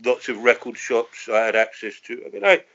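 Reflecting hesitantly on his memories for an oral history interview, a sixties-aged Londoner with a London accent keeps circling back to qualify himself. His mid-range voice is gravelly and fairly bright, with lively intonation and a slightly quick pace, though the highs are cut off.

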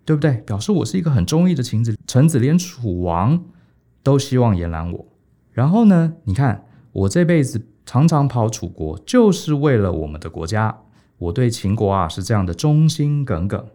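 A man voicing a calm, clever male minister who argues his case in a composed, persuasive way. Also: mid-range voice, normal speed.

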